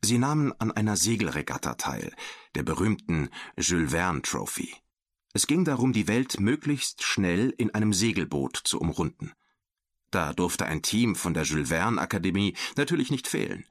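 Deep, expressive male storybook narrator. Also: normal speed, dry recording, clean studio sound. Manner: expressive, voices every character. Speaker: audiobook narrator.

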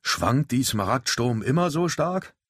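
A man's voice: medium pitch, expressive, a little slow, husky, no echo, studio quality, pitched above the performer's own voice. A man playing a seasick, puzzled cook. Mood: queasy. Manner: weary, puzzled. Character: seasick young male cook, miserable, puzzled.

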